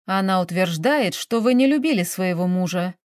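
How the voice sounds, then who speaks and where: A dry, sarcastic male investigator in an audiobook, as a woman reader puts him on. He speaks slowly in a lecturing monotone. The recording is dry and close. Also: mid-range voice, no echo, lightly acted.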